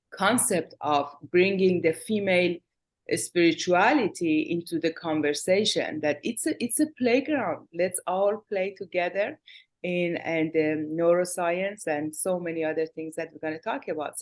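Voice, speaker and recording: A woman with a Persian accent hosting an interview, talking warmly with frequent fillers and restarts. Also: on the low side, measured pace. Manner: warm, hesitant with many fillers and restarts. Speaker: host. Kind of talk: interview conversation.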